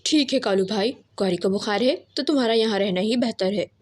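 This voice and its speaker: A woman's voice: medium pitch, fairly quick, close to an everyday voice. A woman voicing a kind, trusting female songbird in a cartoon story, caring and fretful. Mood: friendly.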